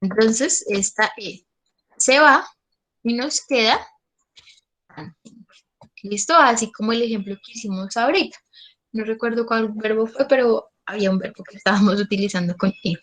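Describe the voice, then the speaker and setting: A woman's voice: a little high, normal speed, long pauses, fairly bright tone, rough recording. A woman teacher, patiently explaining English grammar in an online class and often checking that students follow.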